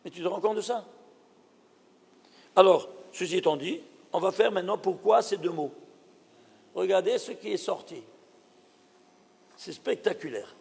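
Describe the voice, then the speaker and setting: A man teaching a Torah lesson as a rabbi, animated and exclaiming, often asking his audience questions. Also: sits high, measured pace, vocal fry, long pauses, husky, big-room sound.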